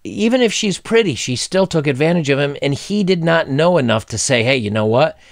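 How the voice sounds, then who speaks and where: A man's voice: a little high, expressive, brisk, gravelly, no room sound, clean studio sound. A man in his forties giving blunt, opinionated commentary while reading a news story aloud, with mocking asides. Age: 40s.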